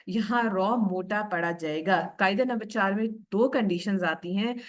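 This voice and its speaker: A woman teaching Quran recitation in a recorded online lesson. She explains patiently, asks questions and answers them herself, and slows right down to recite each example word carefully. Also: mid-range voice. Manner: slows down sharply to recite Arabic words carefully.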